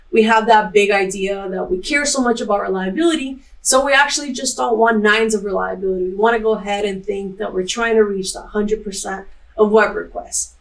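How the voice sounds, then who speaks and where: A woman's voice: mid-range voice, far from the mic. Upbeat woman presenting in a roomy space. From Costa Rica. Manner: explanatory, upbeat, steady presenting. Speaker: conference speaker, chaos engineer. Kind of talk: recorded tech conference talk. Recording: roomy, mic set back from the speaker.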